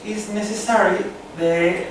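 A hesitant man with a Chilean Spanish accent gives an academic conference presentation, his high-sitting voice fairly even in intonation and his delivery halting, full of fillers and restarts. He's in a seminar room with a long table, picked up by a distant camera, so the sound is echoey, far off, and carries background noise.

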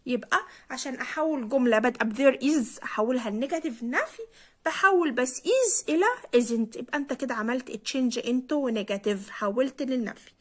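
A young Egyptian woman with an Egyptian Arabic accent, an English teacher explaining a lesson to children, spelling words out slowly and repeating them. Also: a little high.

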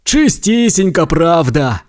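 A cheerful tow truck who loves bragging about his heroics, put on by a male storyteller. The voice sits high and bounces all over. Each line comes out proud and self-satisfied, like an audio storybook character. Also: sing-song, slow pace. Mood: boastful. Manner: proud, boastful tall-tale teller.

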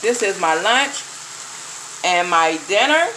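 A middle-aged woman talks through her cooking in an unhurried, easygoing way and speaks straight to her viewers. She films herself at her home stove on a phone. Faint sizzling and kitchen noise sit under her voice. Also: medium pitch, lively intonation. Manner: chatty, addresses viewers as "you guys". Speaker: home cook vlogger. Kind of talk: casual cooking vlog narration.

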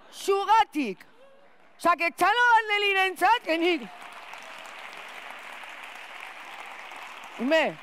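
A woman playing a scatterbrained, chatty school cleaner in a clown stage monologue, rambling with restarts and loud outbursts. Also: extremely high pitch, exaggerated voice. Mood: gushing. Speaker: clown performer.

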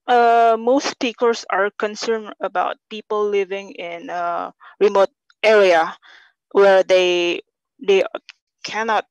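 A woman from Indonesia asking the panel a question, halting and hesitant with many fillers. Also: medium pitch, dry recording, highs cut off. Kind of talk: question at online forum.

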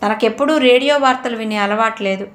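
A woman narrating a novel in a steady, measured storytelling manner. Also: fairly high pitch. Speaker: audiobook narrator. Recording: roomy echo.

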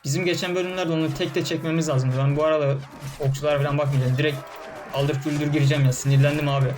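A man's voice: fairly high pitch, steady tone, rapid-fire, darkish tone, soft background music. A young man doing casual gameplay commentary, often frustrated, cursing and barking orders at his troops. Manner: frustrated, swearing, talking to game troops.

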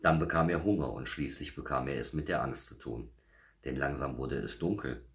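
A man reading a children's bedtime story aloud with gentle, measured pacing. His voice is extremely low and calm.

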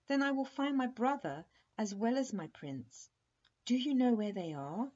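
A woman doing an eager little princess, high and bright. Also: lively intonation, unhurried, lo-fi sound. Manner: bright, gushing, high and loud.

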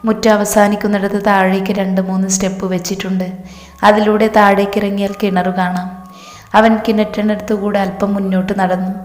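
A woman reads a romantic story aloud as narrator, keeping a steady, even delivery with very little rise and fall in pitch. Her voice rings out in a roomy space with a long, trailing reverb. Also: a little fast.

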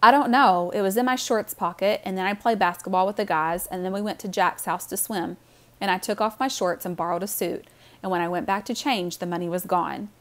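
A woman voicing a guilty, defensive young boy in a storybook reading, loud and exasperated. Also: mid-range voice, fairly even intonation, a little fast, natural voice. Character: boy Evan, guilty, defensive older brother.

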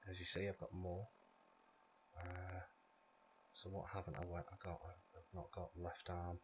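A man with a low voice talks through a video game in a casual, unpolished way, swearing freely and thinking aloud. Clear noise and clicking sit behind his voice. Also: monotone, measured pace. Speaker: gaming video host. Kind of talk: casual gameplay commentary. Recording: clearly noisy background with clicks.

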